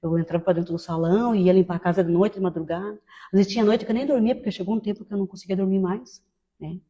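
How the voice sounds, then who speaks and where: A woman in her fifties giving a personal testimony in a conversational way, tagging many phrases with quick questions. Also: mid-range voice, fairly even intonation, warm tone, long reverb tail, dull audio. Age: 50s. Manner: conversational, tag questions after most phrases. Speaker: testimony speaker.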